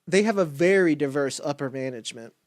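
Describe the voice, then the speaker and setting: Male podcast co-host, playful and expressive, dry close-mic sound. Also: fairly high pitch, a little fast, dry recording. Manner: joking, swings into exaggerated voices and laughter. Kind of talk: casual TV recap chat.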